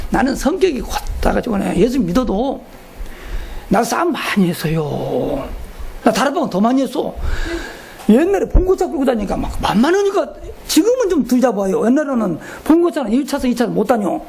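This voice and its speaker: A man's voice: very high-pitched, creaky, darkish tone, a little hiss or hum. A middle-aged male pastor giving a folksy, joking retreat sermon and asking the congregation questions.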